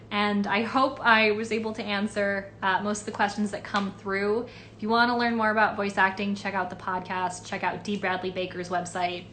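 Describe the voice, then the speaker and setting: Slight background noise accompanies this young woman's mid-range, somewhat bright voice. She's a Los Angeles voice actress on a live stream, reading fan comments aloud and answering questions casually, full of fillers.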